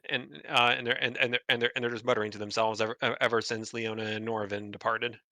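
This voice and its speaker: A man narrating a tabletop game as game master, halting and repeating words. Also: mid-range voice, little pitch movement, sharp tone, dry recording.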